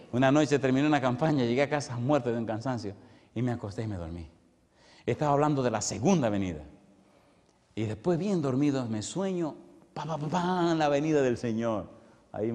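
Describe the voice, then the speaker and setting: Man preaching with rapid-fire questions. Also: medium pitch. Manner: animated, keeps asking the congregation questions. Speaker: pastor. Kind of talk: sermon. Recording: long reverb in a large hall.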